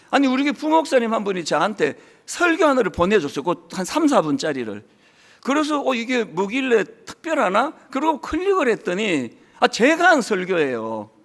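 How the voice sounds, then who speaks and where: Lively high-voiced man preaching. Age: 50s. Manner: animated, with sudden soft drops and sung lines. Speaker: pastor. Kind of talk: sermon.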